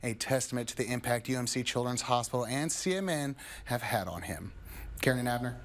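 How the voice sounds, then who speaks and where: A man's voice: medium pitch, fairly quick, slight background noise. A man working as a television news reporter, narrating a scripted feature story.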